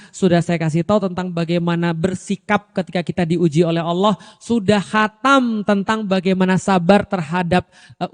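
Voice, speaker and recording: A man with a high, bright voice preaches in a loose, chatty way. He mimics the people in his stories with sudden leaps up and down in his voice. The sound carries a long reverb, as from a large hall. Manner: conversational, acts out quoted voices with sharp pitch jumps. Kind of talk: sermon.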